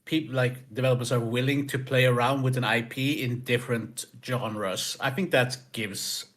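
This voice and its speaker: A man's voice: mid-range voice, steady tone, moderate pace, fairly bright tone. A man co-hosting a podcast, talking in a rambling, hesitant way. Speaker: podcast co-host. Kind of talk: casual chat.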